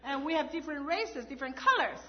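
High-voiced woman interpreting a sermon. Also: expressive, quick pace, long reverb tail, muffled recording, slight background noise. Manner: follows the preacher's emphasis, sometimes raised.

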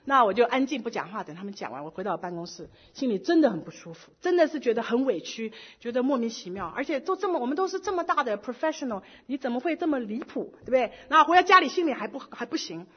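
A middle-aged woman giving a personal church testimony in lively storytelling style, slipping English words into her speech. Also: fairly high pitch, quick pace, hardly any pauses, husky. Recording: dull lo-fi recording.

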